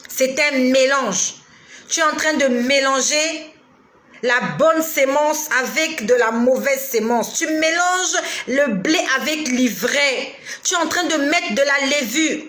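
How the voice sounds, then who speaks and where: Woman preacher, high bright voice, emphatic rebuking sermon, echoey room. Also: measured pace. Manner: emphatic, admonishing, rhetorical questions. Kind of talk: prophetic sermon.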